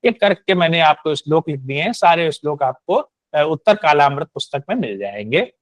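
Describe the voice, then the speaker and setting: A man's voice: fairly high pitch, animated, moderate pace, no room sound, dull audio. Didactic Hindi-speaking male teacher. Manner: didactic, repeats points with "है ना" tag questions. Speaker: Sanskrit and astrology teacher. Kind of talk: online class lecture.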